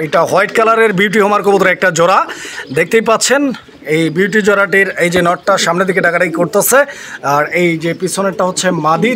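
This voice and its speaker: A man's voice: high-pitched, a bit bright. A man presenting pigeons for sale to his viewers at a farm, addressing them directly and bargaining over prices with the seller. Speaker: vlogger touring a pigeon farm. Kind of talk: casual on-site product presentation.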